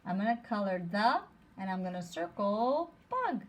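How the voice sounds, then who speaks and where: A woman teacher reading a simple story aloud to young children, sounding out each word slowly and clearly. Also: medium pitch, big pitch swings. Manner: slow, deliberate, sounding out words.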